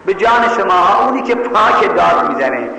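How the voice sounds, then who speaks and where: A man from Mashhad preaching a sermon, telling a story in an animated, scolding way. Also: high-pitched, gravelly, echoey room, long reverb tail, a little hiss or hum, rough recording. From Mashhad, Iran.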